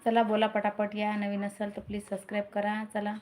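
A woman's voice: mid-range voice, monotone, brisk, darkish tone. A woman from Maharashtra with a Marathi accent, hosting a casual live stream, greeting viewers by name and urging them to like and subscribe. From Maharashtra, India.

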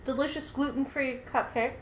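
A woman's voice: high-pitched, fairly even intonation, moderate pace. A woman co-hosting a casual let's play, giggling often and cheering the player on. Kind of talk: casual gameplay chat. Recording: echoey room with faint hiss.

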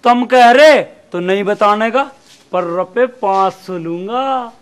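Male actor as a cocky, greedy informer, high pitched, teasing rustic comedy, noisy track. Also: takes it slowly. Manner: cheeky and teasing, rustic speech. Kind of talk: comic sketch acting.

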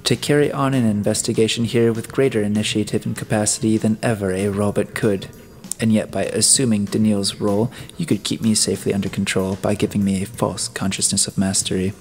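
A man's voice: on the low side, flat delivery, brisk, darkish tone, natural voice. A man playing a suspicious male detective who questions and gives orders bluntly. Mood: commanding suspicious. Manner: blunt, commanding, probing.

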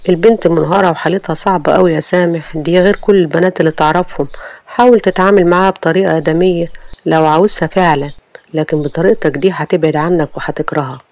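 A woman's voice: on the low side, steady tone, quick pace, darkish tone, no room sound, lightly acted. Storybook friend, young Egyptian doctor, blunt and frank, read by a woman. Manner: blunt, reasoning.

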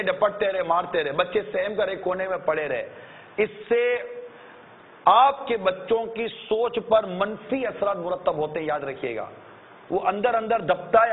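A man preaches with a high, lively voice, breaking into acted-out scolding and earnest appeals. The recording is thin and tinny, like a phone line. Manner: animated, acts out shouting parents, earnest pleading. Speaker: religious preacher. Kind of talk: sermon. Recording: tinny narrow-band lecture recording.

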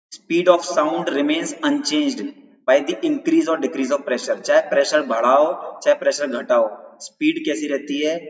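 A male teacher with a voice on the high side gives an exam-prep lecture in Hindi sprinkled with English terms. He keeps turning questions back on his listeners and repeats the key points, and the sound is roomy, distant, and dull.

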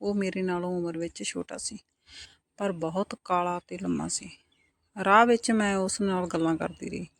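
A woman with a Punjabi accent narrating a first-person story in a soft, intimate scripted delivery. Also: on the low side, steady tone, moderate pace, vocal fry, dry recording, clean studio sound.

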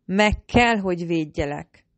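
Női felolvasó által hozott lobbanékony, óvó fiatal pasi, száraz felvétel. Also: female voice, fairly low pitch, dry recording, natural voice. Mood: insistent. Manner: commanding, exasperated. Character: protective, bossy young man, quick to anger.

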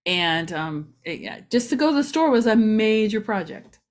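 A woman's voice: medium pitch, sing-song, normal speed. Chatty Midwestern woman hosting local news. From Ohio, USA. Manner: chatty, rambling, joking asides. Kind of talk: casual local news vlog.

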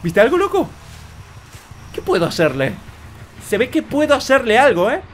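A young man with an Argentine accent commenting on his own gameplay, excitable and quick to shout or laugh. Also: very high voice, a little hiss or hum. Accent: Argentine Spanish. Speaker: streamer.

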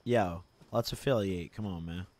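With slight background noise behind him, a young man on a gaming stream chats in a laid-back frat-bro manner, swearing and tossing out "bro," "dude," and "boys." His voice sits low and is a little mellow, at a normal speed.

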